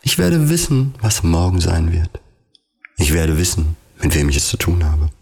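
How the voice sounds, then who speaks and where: A man doing a brooding deep-voiced charlatan. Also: moderate pace, creaky, darkish tone, husky, heavily acted. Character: a wounded grandiose male charlatan.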